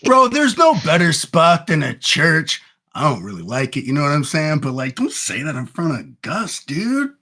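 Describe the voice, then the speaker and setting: A man talking slangy and relaxed as a player in a tabletop game. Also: on the high side, moderate pace. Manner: slangy, says bro and dude. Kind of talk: casual role-play banter.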